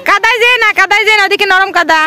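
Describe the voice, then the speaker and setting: Her voice very high-pitched and sharp, a Bangladeshi-accented woman talks very fast in casual vlog commentary, chatting to children outdoors on open grass by a school, with faint ambient noise in the background.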